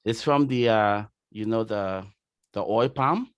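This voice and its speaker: Low-voiced Liberian man in interview. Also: slow, clear, resonant tone, dry recording. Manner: warm-hearted, many fillers like "you know". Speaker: interview guest. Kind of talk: casual interview.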